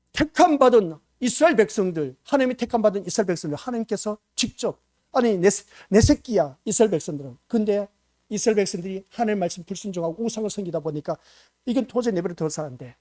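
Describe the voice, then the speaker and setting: In a church, a male pastor with a high voice preaches, asking the congregation rhetorical questions and swinging from loud emphasis to hushed asides. The audio is clean studio sound with no room echo.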